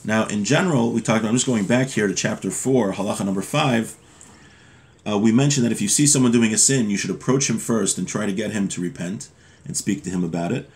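At a quick pace and in a lowish voice, a man in his thirties works through a religious law text, reading and explaining it step by step. The informal lesson takes place indoors in a small home room with bookshelves.

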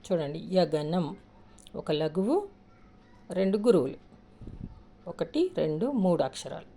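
A woman's voice: on the low side, animated, unhurried, mellow, slight background noise. A woman teaching a lesson step by step, patiently counting syllables aloud and asking questions she then answers herself.

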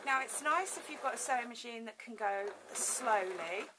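A woman's voice: a little high, animated, normal speed. A woman hosting a casual hands-on sewing tutorial, thinking aloud as she works, with toothless articulation, lips over her teeth. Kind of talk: casual hands-on craft demonstration. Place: indoors at a home sewing table. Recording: hissy home recording.

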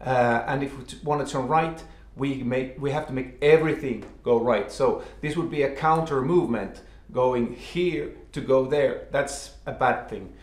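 A man in his forties giving an instructional explanation as a ski instructor, halting and often repeating and rephrasing his words, recorded indoors in a living room. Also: medium pitch. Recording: echoey room.

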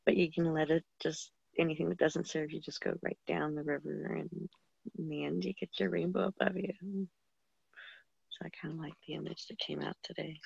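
A woman on a video call casually explaining an image she made, in a relaxed way. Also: sits low, fairly quick, vocal fry, slightly rough, dry recording. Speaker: participant sharing a picture. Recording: dull, dry lo-fi call audio.

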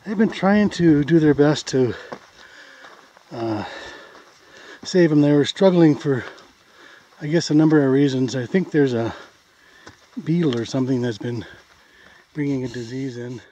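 Speaking a little slowly with frequent pauses, an American man with a dark, medium-pitched voice narrates his forest trail video. He is easygoing and plain, pointing out sights as he walks, and the dull, lo-fi camera audio carries slight background noise.

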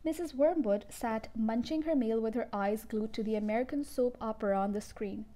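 A woman reading a children's book aloud in a steady, clear storytelling manner. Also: fairly high pitch, normal speed.

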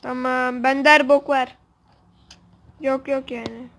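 A woman commentating a video game with a friend, excitable and joking, swearing playfully. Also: sits high, takes it slowly, a little hiss or hum. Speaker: gamer host. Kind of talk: casual gameplay commentary.

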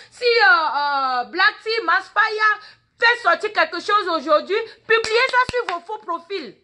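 Very high-pitched, pushed, and bright, a woman in her forties speaks with a Mina accent, Mina being her native language. Holding her phone at arm's length in a large indoor waiting room, the social media personality lectures her followers in a live video monologue, impassioned and repeating words and questions.

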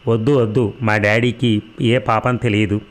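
A man's voice: on the low side, level tone, measured pace, lightly acted. Man doing a pleading, terrified young suspect. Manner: pleading, desperate. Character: frightened young man under interrogation.

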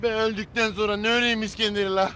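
A man's voice: high voice, little pitch movement, quick pace, bright, forceful tone, a little hiss or hum. An actor playing a worn-out young male conscript in a TV sitcom who grumbles wearily. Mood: weary. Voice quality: weary grumbling. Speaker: soldier.

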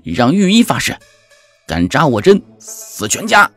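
A man voicing a spoiled, mischievous young nobleman who shouts demands, pitched up and loud. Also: wildly swooping pitch, unhurried, faint music behind, full character voice. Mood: bratty.

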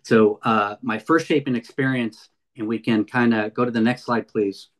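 Speaking at a moderate pace with fairly even intonation and a medium pitch, a fiftysomething man from California's San Fernando Valley gives an earnest webinar presentation by video call. He's a guest speaker whose heartfelt talk is full of fillers and false starts.

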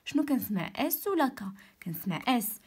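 A woman with a Moroccan Arabic accent giving an online French lesson. She repeats each word slowly and patiently explains how it sounds. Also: a little high, big pitch swings, darkish tone, breathy edge. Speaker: French teacher.

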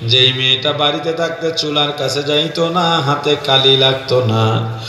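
A man's voice: normal speed, pushed and bright, a little hiss or hum. A man preaching at an open-air gathering, scolding the crowd and chanting emotionally in a sing-song way. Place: outdoor field gathering. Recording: booming echoey PA outdoors.

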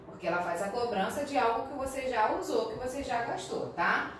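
A woman primary school teacher with a Brazilian accent, slowly and patiently explaining a recorded class lesson and often checking in with her pupils. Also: a little high, animated, slight background noise. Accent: Brazilian Portuguese. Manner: slow, patient, frequent check-ins with the class. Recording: echoey room, mic at a distance.

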